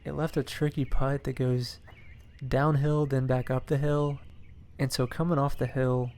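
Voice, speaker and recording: A young man, a scratch golfer, calmly recapping his own golf shots in a matter-of-fact voice-over. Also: medium pitch, unhurried.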